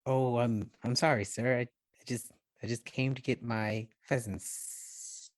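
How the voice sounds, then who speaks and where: A man's voice: medium pitch, fairly even intonation, measured pace, no echo, natural voice. A man voicing a timid young female chambermaid who stammers and apologizes, in a tabletop role-play game.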